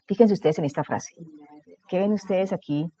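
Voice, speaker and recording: A man's voice: sits high, moderate pace, dark tone. A man running a writing workshop, explaining step by step and putting questions to his audience. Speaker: workshop instructor. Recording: dull lo-fi recording.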